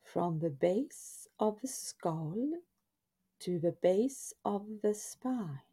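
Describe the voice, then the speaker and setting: A woman narrates a scripted guided relaxation in a soft, breathy half-whisper, soothing and hushed, with drawn-out phrases and pauses. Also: mid-range voice, expressive.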